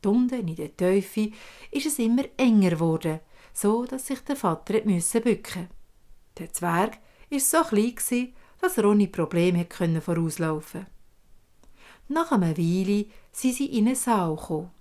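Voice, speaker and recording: Gentle Swiss German storyteller woman. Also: medium pitch, lively intonation, moderate pace. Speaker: fairy tale narrator.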